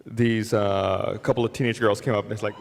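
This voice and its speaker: A man's voice: on the low side, level tone, brisk, vocal fry. A man telling an amused story on a casual podcast. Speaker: podcast regular. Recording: long reverb.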